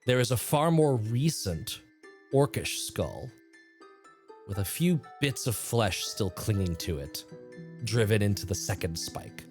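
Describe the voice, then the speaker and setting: A game master narrating a tabletop fantasy game, moving between playful banter and deliberate scene description. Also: mid-range voice, very animated, a little mellow. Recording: background music under the voice.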